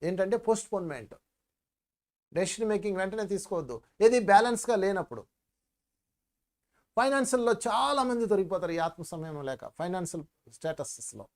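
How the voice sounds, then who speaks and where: A man teaching meditation in a spiritual discourse, telling stories with lively emphasis and addressing listeners as friends. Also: sits high, brisk, long pauses.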